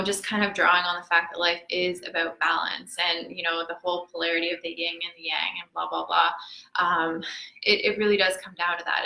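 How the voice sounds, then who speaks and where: A woman's voice: lowish voice, creaky, bright, forceful tone. A young woman, a yoga teacher, telling a candid, profane story in a casual vlog. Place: yoga studio. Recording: echoey room.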